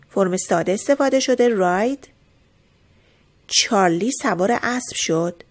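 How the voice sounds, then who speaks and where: A woman teaching English irregular verbs, saying each word and example sentence slowly and clearly, then explaining it calmly. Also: on the high side. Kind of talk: slow drilled vocabulary lesson.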